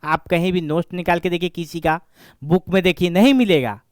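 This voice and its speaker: High-voiced male grammar teacher. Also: steady tone, fairly quick, darkish tone, smooth, no echo, studio quality. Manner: repetitive, asks and answers his own questions. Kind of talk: classroom grammar lesson.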